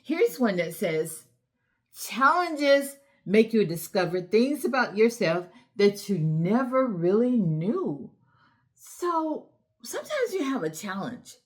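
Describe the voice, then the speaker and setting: A woman hosts a children's storytime lesson as read-aloud host and teacher, speaking directly to young children. She is encouraging, instructive and very animated, with a slightly high voice and emphatic, deliberate enunciation.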